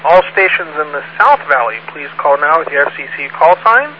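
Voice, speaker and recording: A man acting as net control on a two-way radio, reading out check-ins in a formal, measured, procedural way. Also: a little high, big pitch swings. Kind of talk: procedural radio check-in, call signs in phonetic alphabet. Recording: muffled, noisy amateur radio transmission.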